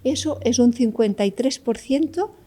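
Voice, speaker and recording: A woman's voice: a little high, normal speed, warm tone, slightly rough. A woman psychologist, explaining ideas in an interview and often checking in with "¿vale?". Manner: didactic, keeps checking with "¿vale?". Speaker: psychologist guest.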